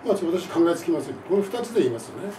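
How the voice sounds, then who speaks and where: A man's voice: fairly high pitch, big pitch swings, racing. A man who teaches English, telling a scornful, indignant story to camera as a lesson. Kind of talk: monologue lesson and complaint to camera. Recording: echoey room, distant mic, faint noise.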